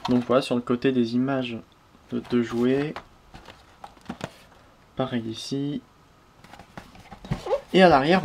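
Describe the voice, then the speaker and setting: A man's voice: medium pitch, a little mellow, slight background noise. A man hosting a casual toy unboxing review, chatty and prone to small hesitations and self-corrections.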